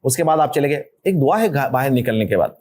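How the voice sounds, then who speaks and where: A man with a South Indian Hindustani accent, leading a marriage workshop as an informal religious talk, conversational and animated, teasing his listeners and acting out quick voices. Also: medium pitch.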